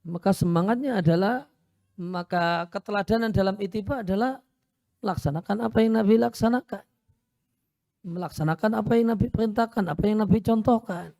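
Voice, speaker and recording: A man's voice: sits high, a little fast, mellow, no echo, studio quality. A male Islamic preacher, telling stories and repeating phrases for emphasis in a sermon lecture. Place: Islamic boarding school.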